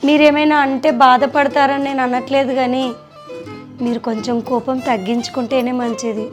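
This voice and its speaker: An actress playing a frank young village wife, with an earnest, steady way of talking. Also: female voice, high-pitched, normal speed, faint music behind, natural voice. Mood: consoling. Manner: earnest, consoling then confronting. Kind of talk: village comedy drama acting.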